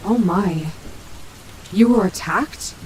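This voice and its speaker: Against clearly audible rain, a woman voices a female robot wolf in an audio roleplay. She is sassy and a little vain, with a protective, motherly streak. Her pitch sits in an ordinary female range and she talks casually, as if straight to the listener. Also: slow, lightly acted, rough recording. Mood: quiet, concerned musing. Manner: sassy, casual, swearing, muttering asides to herself. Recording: heavy rain and thunder noise behind. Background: rainstorm sound effects.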